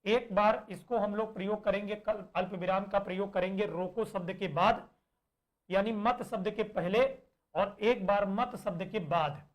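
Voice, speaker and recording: A male tutor leads an online exam-prep lesson, taking his time, restating ideas, and answering the questions he asks. His voice sits high, and the recording loses its highs.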